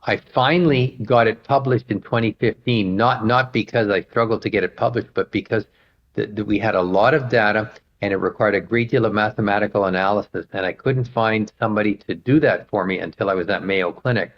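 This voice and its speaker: A man's voice: lowish voice, steady tone, brisk, lo-fi sound. An older man, a retired doctor, answering interview questions in a patient, explanatory way and thinking aloud as he goes. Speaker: guest, retired pediatric pulmonologist.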